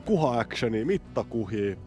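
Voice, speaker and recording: Excitable man from vlogging outdoors. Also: mid-range voice, faint music behind. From Helsinki, Finland. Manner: excitable, chatty, explaining technique. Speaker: fishing vlogger. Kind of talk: casual outdoor vlog narration. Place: outdoors on a frozen city lake.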